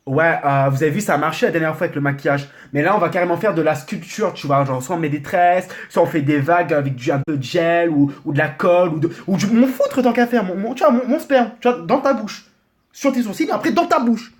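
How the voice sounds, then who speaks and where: A man putting on a smug male fashion stylist pitching a new trend in a breezy, salesy way. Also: a little fast, natural voice.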